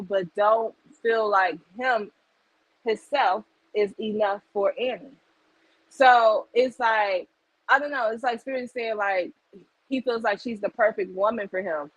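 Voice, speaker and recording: A woman's voice: fairly high pitch, slightly rough, dry recording, rough recording. Chatty woman giving a live tarot reading. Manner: rambling and conversational, heavy on "like" and "you get what I'm saying". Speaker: psychic tarot reader. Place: home livestream setup.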